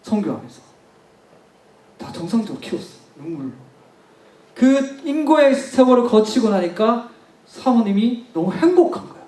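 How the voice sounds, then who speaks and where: A man's voice: sits high, big pitch swings, normal speed, long pauses, darkish tone. A male pastor preaching a sermon, telling a story with emphatic repetition and speaking straight to the congregation. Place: church hall. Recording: echoey hall, mic at a distance.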